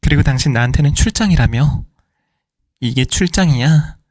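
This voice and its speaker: A man's voice: on the high side, animated, moderate pace, darkish tone, dry recording, clean studio sound. A man voicing a furious middle-aged wife who fires indignant questions at her husband, in a storytelling reading.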